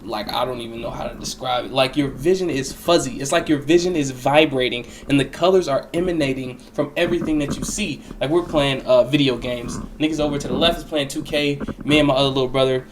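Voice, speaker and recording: A man's voice: medium pitch, brisk, few pauses, slight background noise, rough recording. A young man telling a personal story in a casual, rambling way, with plenty of slang and swearing. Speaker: storyteller recounting a personal experience.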